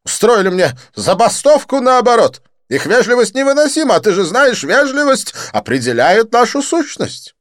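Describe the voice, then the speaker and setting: A man voicing an excitable, theatrical, quick-tempered gossip in an audiobook, with a shrill, exclamatory, huffy delivery. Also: dry recording, studio quality. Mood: indignant, furious. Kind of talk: audiobook character voice.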